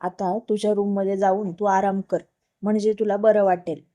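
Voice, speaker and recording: A woman's voice: medium pitch, level tone, moderate pace, dark tone, natural voice. A woman voicing a caring older mother-in-law. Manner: soothing, motherly.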